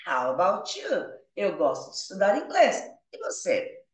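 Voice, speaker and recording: A Brazilian woman teaching English, who reads each line slowly, then translates and explains it. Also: mid-range voice, wildly swooping pitch. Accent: Brazilian Portuguese. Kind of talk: explaining a dialogue, switching languages. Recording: roomy, from a distance.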